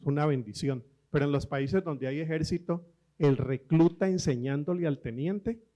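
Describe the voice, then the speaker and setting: A man preaching a sermon, telling stories with quoted voices and humor, slowing down for emphasis. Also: on the high side, dull audio. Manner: lively, slows down for emphasis.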